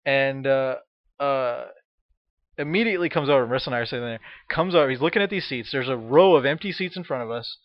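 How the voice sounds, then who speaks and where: A man telling a funny story in casual chat, ranting with profanity and animated energy. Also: mid-range voice, fast, no room sound. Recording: dull, dry lo-fi sound.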